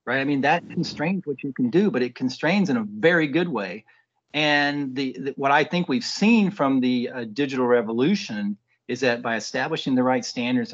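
Man briefing over a muffled video call. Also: medium pitch. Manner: restarts, tag questions "right?". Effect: heard over a video call. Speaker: Air Force program leader.

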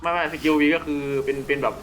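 A man's voice: fairly high pitch, steady tone, fast talker, crowd noise. A young man playing along with the host, talking casually, repeating his words and using crude slang. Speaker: gaming co-player. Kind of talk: casual gameplay chat.

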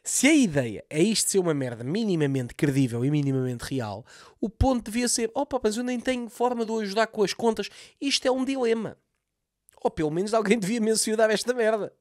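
A man's voice: sits high, lively intonation, fairly quick, a little mellow, no room sound, studio quality. A man with a Lisbon Portuguese accent doing a comedic recap of a TV series, sarcastic and full of swearing. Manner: sarcastic, swears a lot, mocks the scenes.

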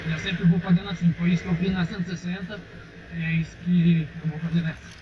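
A young Brazilian motovlogger chats casually with his viewers, calling them "rapaziada," as he rides a motorcycle down a dirt road. His voice is high, fast and slightly mellow, with little pitch movement and a Brazilian Portuguese accent. The helmet-mounted action camera gives a muffled sound full of engine and wind noise.

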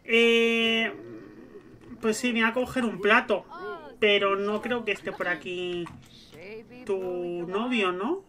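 A woman's voice: fairly high pitch, steady tone, takes it slowly, bright, forceful tone. A woman, giving casual gameplay commentary as a streamer and chattily narrating each move she makes. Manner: chatty, narrates her own moves aloud. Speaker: gaming streamer.

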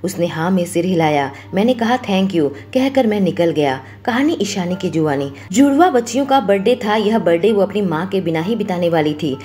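A woman narrating a romantic audio story as a storyteller, with a steady, expressive reading. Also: fairly low pitch, fairly quick, few pauses, faint music behind.

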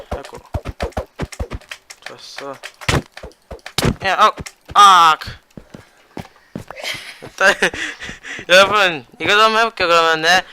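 A young man hosting a gaming channel, explaining a block-building PvP match in chatty commentary, adding "yes" after nearly every phrase and shouting during fights. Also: on the high side, background noise.

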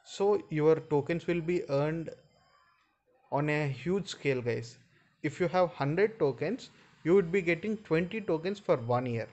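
A man's voice: fairly high pitch, expressive, unhurried, darkish tone, muffled recording. A man with an Indian accent hosting an informal screen-share tutorial, explaining step by step and often addressing his viewers directly. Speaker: video host.

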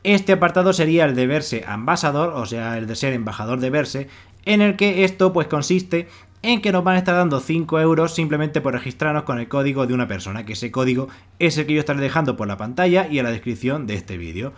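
A man with a Spain Spanish accent talking viewers through money-making apps over a screen recording, repeating himself and filling pauses with "pues" and "o sea". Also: a little high, expressive. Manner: fast, repetitive, filler-heavy explaining. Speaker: online money-making video host. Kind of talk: screen-recorded app walkthrough.

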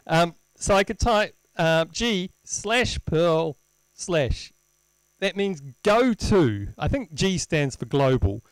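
A man presenting an informal live technical demo, halting as he thinks aloud, with wry, self-deprecating humour. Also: sits high, expressive, clean tone, dry recording, poor audio. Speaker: presenter at a tech meetup. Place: indoor lecture room, presenting at a screen. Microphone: handheld microphone.

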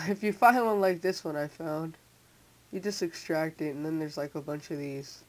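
In this unscripted screen tutorial made indoors at a computer, a teenage creator speaks at a moderate pace in a medium-pitched, fairly even voice. Tightened braces have left him with a mouth sore that slightly hampers his speech, and he stumbles and repeats words. A hissy, noisy home mic picks him up.

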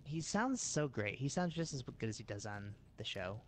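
A man's voice: mid-range voice, sing-song, moderate pace. A man with a nasal voice, tired after a long day, hosting a casual let's-play gaming chat in a laid-back, rambling way.

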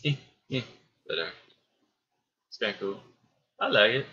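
A man's voice: lowish voice, lively intonation, measured pace, pushed and bright, lo-fi sound. A man muttering to himself and chuckling as he builds, giving casual gameplay commentary. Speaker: gameplay streamer.

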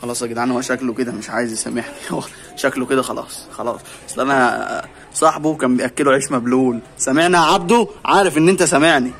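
A man's voice: mid-range voice, rapid-fire, vocal fry, fairly bright tone, a little hiss or hum. A man with an Egyptian Arabic accent vlogging casually and teasing and coaxing his pet fox in a playful way.

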